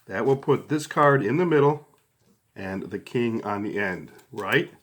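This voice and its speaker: A man's voice: mid-range voice, lively intonation, measured pace. A middle-aged man talks through a hands-on tutorial step by step in a casual, conversational way, often checking in as he goes. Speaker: card trick instructor.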